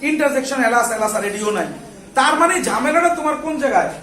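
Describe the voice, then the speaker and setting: A man with a very high-pitched, sharp voice teaches an English grammar class, speaking rapid-fire with lively intonation. He fires questions at the students, answers them himself, and scolds anyone who chats. The sound is an echoey classroom captured from far off.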